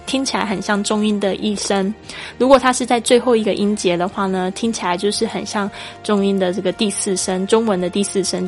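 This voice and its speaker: A woman teaches English in a podcast lesson, at an ordinary middle pitch. She explains with patience and slows down to spell words out letter by letter. Soft music plays faintly underneath. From Taiwan.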